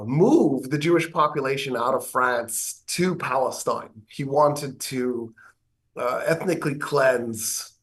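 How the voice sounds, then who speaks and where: American male professor, lively lecturer, dry humor, mid-pitch voice. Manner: animated lecturing with wry asides. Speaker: professor of government. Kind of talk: interview explaining history.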